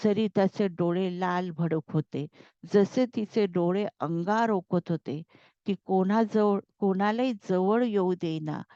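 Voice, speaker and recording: Slow, measured woman storyteller. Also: medium pitch, mellow, dry recording, lo-fi sound. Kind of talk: scripted story narration.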